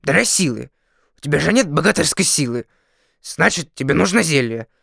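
A man voicing a sly, good-humored male dragon in a storybook reading, talking in a mocking, lively way. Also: a little high, moderate pace, creaky, dry recording, studio quality, exaggerated voice.

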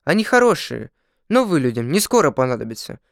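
A nervous, honest peasant potter from a fairy tale, as a man plays him. He stammers and gets flustered but stays earnest, and his voice is raised and gravelly. The sound is close and dry. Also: fairly high pitch, sing-song, fairly quick, dry recording. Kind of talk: storybook reading.

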